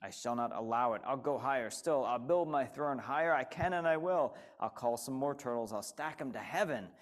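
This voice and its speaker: A man's voice: medium pitch, normal speed, close to an everyday voice. A man voicing a pompous, boastful turtle king who bellows his proud declarations in a storybook reading. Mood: blustering.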